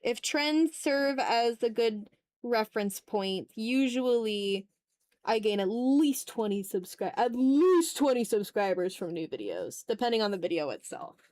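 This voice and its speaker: Hosting an art livestream, a woman with a fairly high, animated, somewhat dark voice speaks a little slowly, with no echo. She reads and answers viewer messages, chatting casually and expressively right to her audience.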